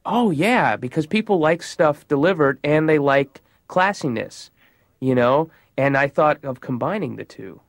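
A man's voice: fairly high pitch, animated, measured pace, no echo, clean studio sound. A man doing a comedy bit as a therapy patient, eager and rambling, stumbling over his words.

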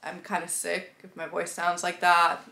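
A sick woman vlogs to camera from her bedroom, which has a couch, rambling apologetically and gesturing animatedly with her hands. Her fairly low voice is a bit nasal with vocal fry, at normal speed. The camera mic sits at arm's length.

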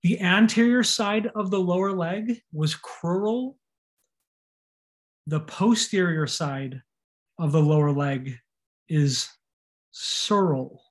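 A man's voice: sits high, slow pace, long pauses. A man giving a recorded anatomy lecture over slides, spelling out and repeating terms and stressing how to pronounce them.

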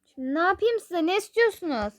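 Woman doing a nagging mom, high voice, sighs and grumbles, toy-game role-play. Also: very animated, fairly quick. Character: fussy scolding mother of a family.

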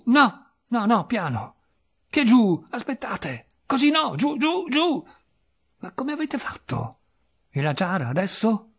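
A man acts out a hot-tempered, penny-pinching landowner who exclaims and scolds in a flurry. The voice leaps high and stays husky, always agitated. Told as a spoken storybook. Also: exaggerated voice. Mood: flustered. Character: irascible middle-aged male landowner, fussy and stingy.

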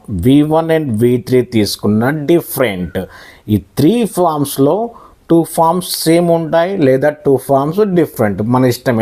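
Slow, deliberate Telugu-accented male teacher. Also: medium pitch, dark tone. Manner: slow, deliberate, drills words by repeating them. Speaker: spoken English teacher. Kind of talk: classroom lesson explaining verb forms.

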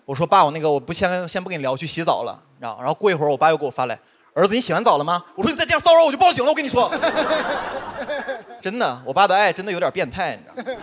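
A young man performing a stand-up comedy set on stage, telling quick self-mocking stories with constant asides to the audience. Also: high-pitched, fairly bright tone. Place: studio stage before a live audience. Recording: live stage mic with audience laughter. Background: audience laughter.

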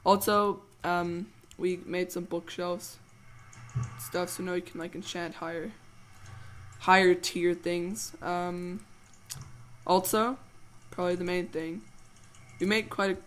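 A man's voice: sits high, steady tone, slow pace, fairly bright tone. A teenage boy giving rambling, playful commentary while playing a game, with goofy jokes. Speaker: let's play host. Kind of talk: casual gameplay commentary.

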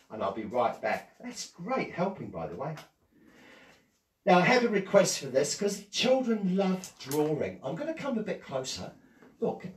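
A man's voice: on the high side, a little hiss or hum. An older man performing as a children's party magician, coaxing the children with simple questions, prompts and exclamations. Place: small indoor home-style stage with curtain backdrop. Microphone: headset. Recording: echoey room, slightly distant sound.

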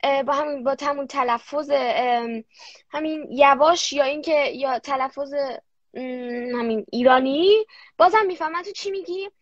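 Hesitant and casual, with many fillers, a child guest who creates German-language content answers interview questions. Her voice sits high, and the sound is dull, lo-fi and dry.

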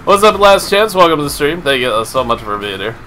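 With a sing-song, fairly quick delivery and a high, bright, pushed tone, this streamer in his thirties talks casually to chat during a game, cursing occasionally. Faint music plays behind him, and his home stream is noisy.

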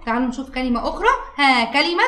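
A woman's voice: high-pitched, racing, sharp tone, roomy sound. A woman teacher with an Egyptian Arabic accent, coaxing a pupil through a lesson with questions and praise. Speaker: primary school teacher.

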